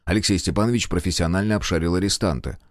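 A man narrating an audiobook in an expressive storytelling manner. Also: low-pitched, fast talker, no echo, studio quality.

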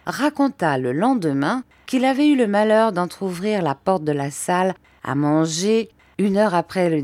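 A woman reading a classic novel aloud in measured, expressive narration. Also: low voice, no echo. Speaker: audiobook reader.

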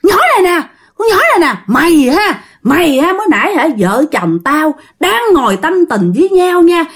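A woman's voice: very high-pitched, very animated, normal speed, fairly bright tone, voice pushed up, heavily acted. Woman putting on a shrieking drowned ghost demon. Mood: furious. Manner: menacing, snarling threats. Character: vengeful drowned female ghost, nearly a hundred, turned demon.

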